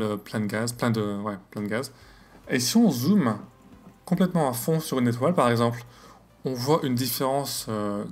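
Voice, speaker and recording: A man with an English accent hosting a screen-recorded astrophotography software tutorial, talking casually and hesitantly with many fillers and self-corrections. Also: medium pitch.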